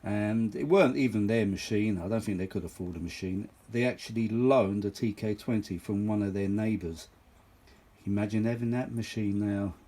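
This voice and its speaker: In a casual, unscripted show-and-tell, a middle-aged or older vintage audio enthusiast chats about a machine, rambling, exclaiming and repeating things for emphasis. His voice is on the low side and dark in tone, at a moderate pace.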